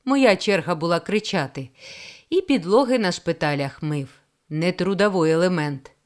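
A woman voicing a boastful middle-aged male railway inspector, loud and drawling as he tells his tale. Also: on the low side, expressive, normal speed, lightly acted. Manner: loud, drawling, self-pleased storytelling.

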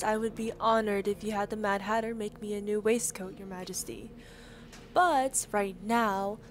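Woman playing a polite apologetic rabbit servant girl, highish voice, fantasy audio roleplay, faint noise behind. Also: natural voice. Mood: anxious, deferential. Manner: deferential, polite, formal. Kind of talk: audio roleplay drama acting.

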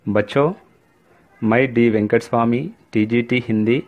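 Slow, patient male Hindi teacher. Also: mid-range voice, fairly even intonation, darkish tone. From India. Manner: slow, patient, repeats "children" often. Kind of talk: recorded classroom lesson for children.

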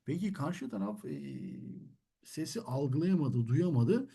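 A man's voice: fairly high pitch, expressive, measured pace, gravelly, dark tone, slightly rough. A man teaching German, explaining patiently and answering his own questions. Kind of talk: classroom-style language lesson.

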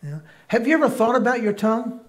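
Speaking quickly in a very high-pitched voice, this male pastor jokes around with his congregation during a casual sermon. The relaxed banter echoes through the church sanctuary where he's recorded.

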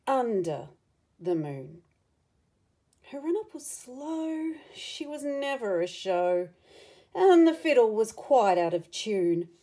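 In a mid-range voice, a woman reads a picture book aloud to children, adding expressive, dramatic emphasis and asides to the listener.

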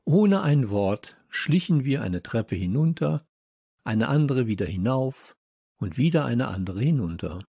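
A man narrating a children's audiobook with lively storytelling. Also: medium pitch, measured pace, creaky, husky, no echo, studio quality. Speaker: audiobook reader.

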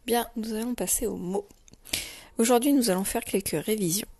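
A woman teacher giving a slow, clear spelling dictation to young children, repeating each item and stressing its sounds. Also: a little high, dark tone, dry recording. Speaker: primary school teacher.

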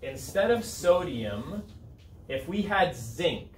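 This man in his thirties, a high school chemistry teacher, speaks slowly in a voice on the high side, with big swings in pitch. His classroom lesson is informal, and he keeps asking students questions and checking in. A camera at the back of the room picks him up from a distance, so the sound is roomy with audible room noise.

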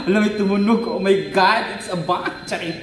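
A woman with a Filipino accent giggling and exclaiming excitedly as she unboxes a phone in a casual vlog. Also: mid-range voice, unhurried, recorded from a distance, a little hiss or hum. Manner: excitable, giggly, mixes Tagalog and English. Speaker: vlogger. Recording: echoey room, faint ambience.

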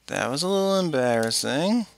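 A man's voice: a little high, animated, normal speed, gravelly. A man giving casual, jokey let's-play commentary on a retro game. He often stops to correct himself.

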